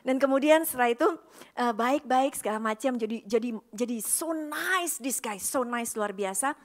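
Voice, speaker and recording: A woman's voice: on the high side, normal speed. A woman pastor from Indonesia preaching in a storytelling way, acting out the voices of the people in her story. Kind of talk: storytelling sermon.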